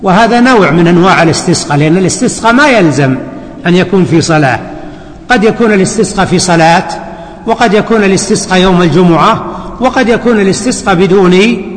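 High-voiced sheikh in an echoing hall. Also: male voice, animated. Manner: deliberate, repeats key words for dictation. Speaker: Islamic scholar teaching hadith. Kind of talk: classroom commentary lecture. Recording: long hall reverb.

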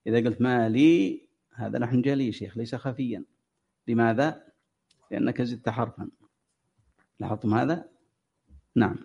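Mellow-voiced Quran teacher explaining recitation. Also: male voice, medium pitch, normal speed, creaky, long pauses, breathy edge. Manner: explains patiently, drawing out sounds as examples and quizzing students. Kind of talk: classroom lesson on tajweed. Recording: dull lo-fi recording.

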